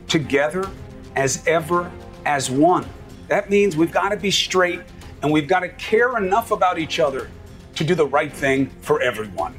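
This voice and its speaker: Middle-aged male anchor, fiery sarcastic monologue, lively pitch, slightly high voice. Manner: emphatic, sarcastic, punchy. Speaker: news anchor. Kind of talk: opinion commentary.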